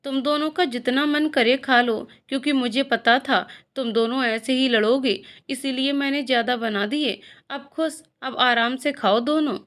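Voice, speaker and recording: Middle-aged aunt, motherly, fondly scolding, fussing, as a woman narrator plays her, somewhat high pitch. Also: fairly even intonation, moderate pace, few pauses, a bit bright.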